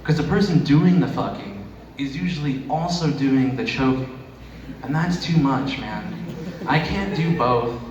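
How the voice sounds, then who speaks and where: Guy doing standup, chatty n swears a lot, super echoey room w clear background noise. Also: medium pitch, animated, measured pace, a little mellow, highs cut off. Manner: profane, conversational delivery. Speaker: stand-up comedian. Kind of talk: stand-up comedy set. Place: echoey room with live audience. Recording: echoey noisy room, distant mic.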